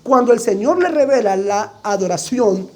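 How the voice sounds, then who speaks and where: A preacher delivering a sermon, building emphasis through repeated phrases and chains of rhetorical questions. The voice sits at a middle pitch. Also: expressive, normal speed, mellow.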